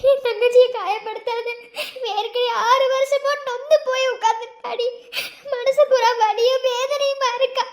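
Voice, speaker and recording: A woman's voice: very high-pitched, a little fast. A woman voicing a desperate young adult in a cartoon, emotionally begging someone not to hurt their younger sister. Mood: pleading. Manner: pleading, emotional. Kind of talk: cartoon voice acting.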